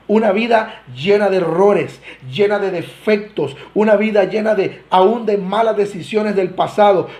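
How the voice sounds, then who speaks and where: A man's voice: high voice, a little mellow. A man with a Costa Rican accent preaching a sermon, earnestly addressing the congregation with swelling emphasis. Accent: Costa Rican Spanish. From Costa Rica. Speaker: pastor.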